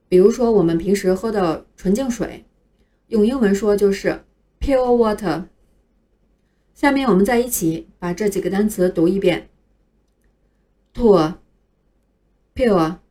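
Slow, mellow-voiced woman teaching pronunciation. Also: medium pitch. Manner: slow, careful spelling out of words. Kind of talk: scripted phonics lesson.

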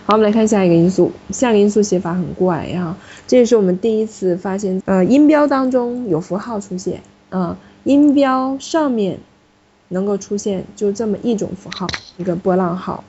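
A woman's voice: medium pitch, moderate pace, mellow, slightly rough. A woman teaching French to a class in a classroom, explaining step by step and patiently correcting students. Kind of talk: classroom language lesson. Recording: muffled, slightly noisy classroom recording.

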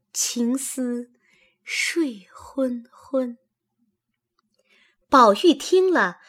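A woman narrating a classical novel in a measured, expressive way. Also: on the high side, slightly rough. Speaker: audiobook narrator.

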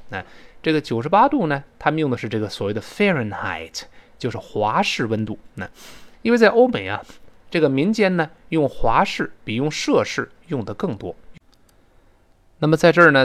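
A male English teacher teaches a spoken English lesson. His pitch moves a lot as he explains words, spells them letter by letter and sounds them out slowly for the class to repeat.

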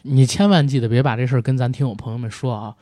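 A man's voice: mid-range voice, fairly even intonation, fast, dark tone, dry recording, clean studio sound. Teasing man. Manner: teasing, colloquial. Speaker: podcast co-host. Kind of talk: casual comic banter and sales pitch.

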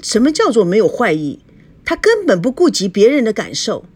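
A proud, quick-tempered young fiancé argues in an indignant voice that leaps up and down, as a woman reads him aloud. He stays heated and resentful in this spoken story. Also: on the high side, very animated, a little mellow, slightly rough. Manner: indignant, angry.

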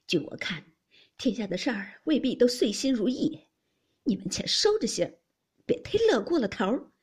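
A woman voicing a proud young maidservant who bursts out in sharp, indignant protest, with a husky, breathy voice. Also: mid-range voice, sing-song, moderate pace, full character voice. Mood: angry.

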